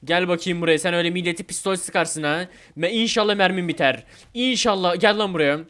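A young man giving excited gameplay commentary as a gaming YouTuber, repeating words rapidly. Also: sits high.

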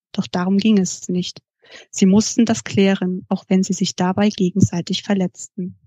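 A woman author reads from her own novel at a steady, even pace. Her voice is mellow and flat in pitch. It is close-miked and dry, and the recording sounds dull. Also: dry recording.

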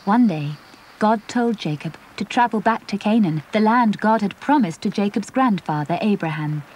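A woman narrating a children's Bible story in a simple, clear storytelling manner. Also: medium pitch, animated, normal speed, darkish tone, a little hiss or hum.

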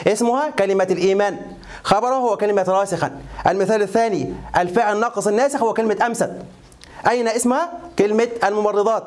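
A man with an Egyptian accent teaching a grammar lesson, asking questions and answering them himself. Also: high voice. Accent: Egyptian Arabic.

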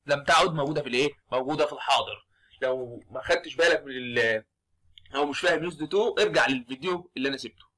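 A man with an Egyptian Arabic accent giving a fast exam review of English grammar, constantly firing quick questions at his students. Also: fairly high pitch, sharp tone. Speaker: English teacher.

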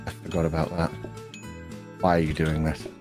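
Very deep-voiced man teasing over game music. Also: completely flat delivery, brisk. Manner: teasing, swears a lot, laughs often. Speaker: streamer. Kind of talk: casual gaming chat.

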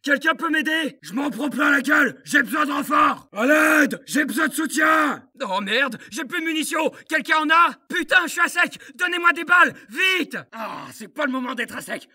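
An actor playing a frantic, foul-mouthed French Resistance fighter, yelling urgent combat barks for a video game. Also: male voice, extremely high pitch, lively intonation, moderate pace, hardly any pauses, recorded from a distance, exaggerated voice. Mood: desperate.

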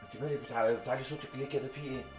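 A man's voice: medium pitch, fairly even intonation, racing, distant mic, soft background music, natural voice. An actor playing a bumbling middle-aged man in an Egyptian Arabic sitcom, stammering through rambling excuses. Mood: evasive. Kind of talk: sitcom acting. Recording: roomy set, voice from off-mic.

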